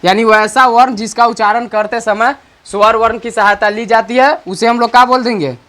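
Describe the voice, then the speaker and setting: He speaks in a very high-pitched, steady, somewhat bright voice while leading a grammar class online. Each point gets repeated, and he asks questions only to answer them himself. He dictates slowly as he writes.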